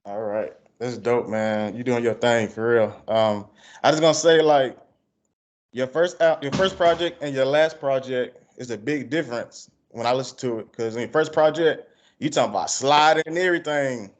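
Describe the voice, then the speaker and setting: A man's voice: mid-range voice, normal speed. A man with a country Georgia Southern accent, interviewing casually in heavy slang. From Georgia, United States. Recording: dull, lo-fi call audio.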